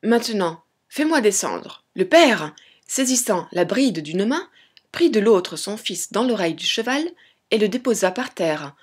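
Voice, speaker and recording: A woman reads a fairy tale aloud in a gentle, measured storybook style. Her voice sits at a medium pitch and has a soft, breathy grain. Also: sing-song. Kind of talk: storybook reading.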